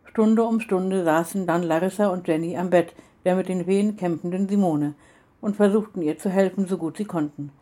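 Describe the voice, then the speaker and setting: Woman reading a story, lowish voice. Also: moderate pace, mellow. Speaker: narrator.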